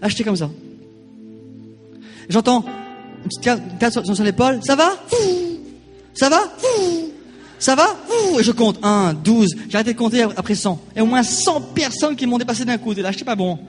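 Brief: high-pitched male pastor, animated storyteller, church reverb, faint music behind. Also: normal speed, pauses often. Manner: animated storytelling, acting out quoted voices. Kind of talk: sermon with personal anecdote.

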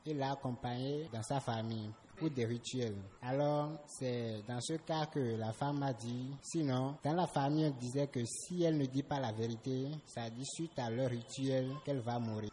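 A man in a church seminar audience haltingly telling a case and asking a question. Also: mid-range voice, mellow, slight background noise. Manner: hesitant, many fillers and restarts.

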